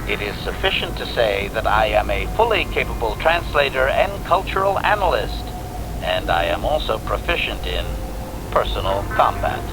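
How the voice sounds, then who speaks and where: A man's voice: medium pitch, normal speed, over music, rough recording. An actor playing a formal, menacing male combat droid in a video game, his voice run through a robot filter, speaking stiffly and opening replies with one-word labels. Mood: coldly polite. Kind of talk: video game cutscene dialogue. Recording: game audio with steady background noise.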